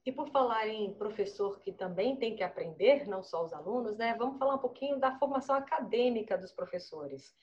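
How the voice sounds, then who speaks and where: A woman's voice: medium pitch, animated, a little fast, few pauses, darkish tone. A woman hosting a panel, prompting guests with friendly questions. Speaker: host. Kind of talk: panel moderation. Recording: dull lo-fi audio.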